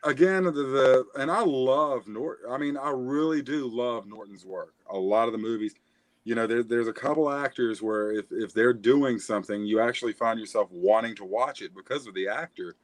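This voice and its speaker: A man's voice: mid-range voice, normal speed, dry recording. A man co-hosting a casual movie review podcast, rambling with lots of fillers and restarts. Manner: rambling, self-correcting, many fillers. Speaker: podcast co-host.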